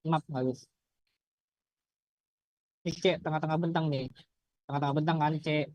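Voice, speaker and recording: A man's voice: fairly high pitch, steady tone, normal speed, darkish tone, dry recording, poor audio. A young adult man with an Indonesian accent explains things like an informal student tutor. He cannot roll his R cleanly, so it comes out slurred. He repeats himself and keeps asking short rhetorical questions, in a dry-sounding recording with little room sound. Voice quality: slurred R, a speech impediment on the R sound. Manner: repetitive, checking with rhetorical questions.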